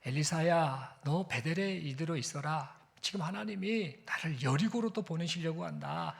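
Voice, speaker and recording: A man preaching in Korean voices an aging male prophet who gently tells his disciple to stay behind. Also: a little high, moderate pace, gravelly. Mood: gentle.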